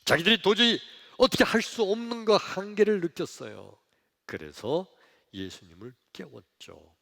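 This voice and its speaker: A male pastor preaching a sermon in a church, telling the story dramatically, acting out voices and swinging between loud outbursts and hushed lines. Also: sits high, wildly swooping pitch, moderate pace, gravelly. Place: church sanctuary. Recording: long hall reverb.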